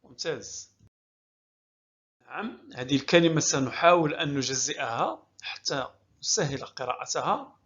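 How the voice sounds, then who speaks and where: A woman's voice: deep voice, animated, a bit bright, slightly rough. A woman teaching French reading, sounding out words syllable by syllable and praising often. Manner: slow, drawn-out syllables with repeated encouragement. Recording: dull lo-fi recording.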